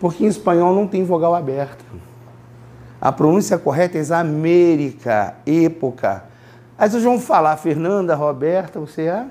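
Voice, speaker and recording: High-voiced man teaching a class. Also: lively intonation, warm tone. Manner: explains slowly, repeats words, asks students to repeat. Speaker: Spanish teacher. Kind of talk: classroom lecture.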